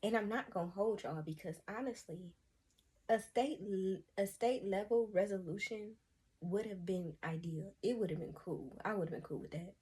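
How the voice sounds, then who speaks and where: A woman's voice: medium pitch, normal speed, warm tone, breathy edge. A young adult woman from the United States giving an emotional personal testimony to camera, earnest, sighing often and calling her viewers y'all. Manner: earnest, addresses viewers as y'all, frequent sighs.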